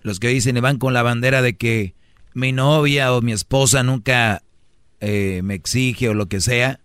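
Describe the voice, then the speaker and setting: A man's voice: medium pitch, fairly even intonation, a little slow, fairly bright tone, clean tone, no room sound, soft background music. A man with a Mexican accent doing a comic, preachy advice monologue as a radio host. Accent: Mexican Spanish. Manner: brash, preachy, mimics voices for jokes.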